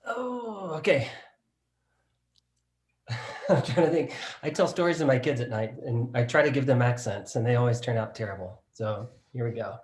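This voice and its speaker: A man's voice: medium pitch, lively intonation, a little mellow, roomy sound. A man from Mississippi taking part in an online workshop, chatting in an easygoing way on a video call. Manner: slow and easygoing, with light laughter. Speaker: workshop participant. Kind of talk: casual chat.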